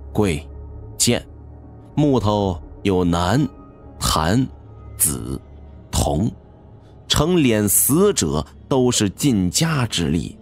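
A man narrating a rural ghost story audiobook in a slow, dramatic storytelling manner. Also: on the low side.

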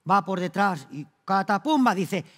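A man from Spain doing a stand-up comedy monologue, acting out the people in his jokes with raised, louder voices. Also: sits high, expressive, unhurried. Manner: acts out the joke characters in raised, louder voices. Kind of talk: comic monologue telling jokes. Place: theatre stage before an audience. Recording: long reverb of a theatre hall.

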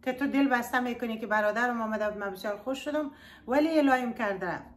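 A woman with an Afghan Dari accent, telling a story to her online viewers and pleading with them to look after themselves. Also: a little high. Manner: pleading, addresses listeners fondly. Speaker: YouTube storyteller giving advice. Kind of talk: earnest advice monologue to viewers.

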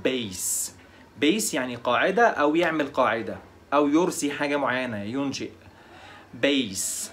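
A man with an Egyptian Arabic accent teaching English pronunciation, slowly repeating each word several times. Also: medium pitch, expressive, fairly bright tone, a little hiss or hum. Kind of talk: pronunciation lesson.

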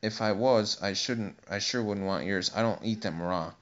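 A man's voice: fairly low pitch, moderate pace, natural voice. A man voicing a polite, curious young girl in an audiobook, speaking timidly and earnestly. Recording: dull lo-fi recording.

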